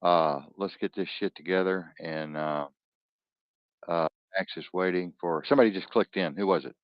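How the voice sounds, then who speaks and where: A man with a very low, deep voice hosts a live stream, tired and blunt, swearing freely as he rambles on. The sound is dry and close, with dull, lo-fi stream audio. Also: moderate pace, no echo. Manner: profane, blunt, restless, barks orders at his producer. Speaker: host of an online talk stream.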